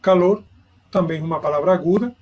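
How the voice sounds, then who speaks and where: A man's voice: high voice, brisk, dull audio. A man giving an online grammar lesson, explaining step by step and checking in with his students. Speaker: Spanish teacher.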